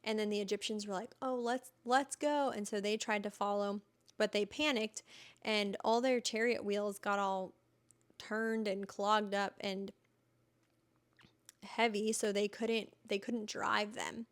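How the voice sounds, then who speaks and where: A woman's voice: mid-range voice, flat delivery, measured pace, clear, resonant tone. A young adult woman hosting a podcast, retelling Bible stories in a chatty, enthusiastic, everyday way. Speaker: podcast host. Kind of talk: casual Bible teaching podcast.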